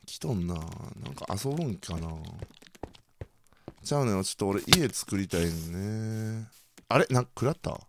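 A young man with a Kansai accent commentating his own game play, bursting into loud reactions and then muttering quietly. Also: normal speed, noisy background. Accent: Kansai Japanese. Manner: excitable, reacts loudly to surprises, then mutters low. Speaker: gaming channel host.

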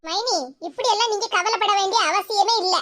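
In a cartoon, a woman with a Kanyakumari Tamil accent voices a talkative young co-mother-in-law who reasons at length. Her voice is very high-pitched, steady in tone, a little fast, pushed and bright. She chats and explains at length, laughing as she reasons it through.

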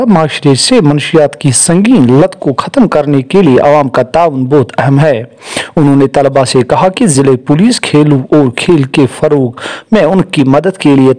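A man's voice: on the high side, a little mellow. A man reading a formal, evenly delivered news voice-over report.

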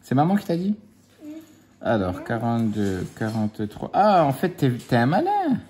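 Playful man with a lively voice. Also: medium pitch, a little hiss or hum. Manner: playful, teasing, drawn-out number counting. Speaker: scratch-card vlogger. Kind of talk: casual chat while scratching lottery tickets. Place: at home with his children nearby.

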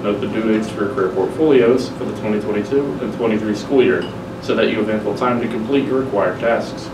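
Low-voiced man over a school loudspeaker. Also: fairly quick. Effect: heard through a school loudspeaker. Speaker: school morning announcer. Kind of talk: reading school announcements. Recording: echoey, distant, noisy public-address sound.

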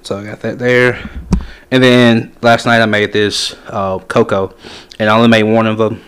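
A man's voice: on the low side, little pitch movement, moderate pace, fairly bright tone, clear, resonant tone. A man casually showing his homemade fishing lures at a workbench, talking in a rambling way with lots of ums and restarts. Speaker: fishing lure maker showing his baits. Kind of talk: casual how-to vlog. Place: workbench in a workshop.

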